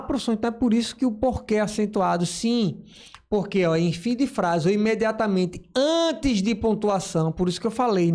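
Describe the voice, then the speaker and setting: A man's voice: sits high, a little mellow. A male teacher giving a grammar lesson, explaining step by step and voicing imagined student questions.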